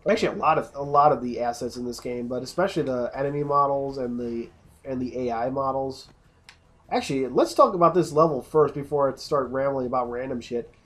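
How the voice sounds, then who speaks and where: Brisk and a bit bright, this mid-range male voice belongs to a let's play host commenting on gameplay. His talk is casual and rambling, full of self-interruptions and restarted sentences.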